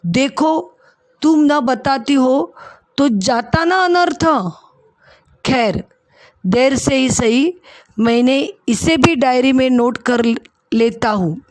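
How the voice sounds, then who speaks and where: A woman's voice: a little high, lively intonation, takes it slowly, dry recording, clean studio sound. A woman doing a stern, stingy householder. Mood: stern, calculating. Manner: sharp, questioning, indignant. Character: stern stingy male householder, scolding then kindly.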